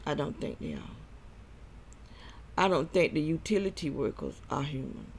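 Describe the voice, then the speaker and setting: A man giving a rambling personal monologue as a vlogger, halting and short of breath, with repeated restarts. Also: mid-range voice.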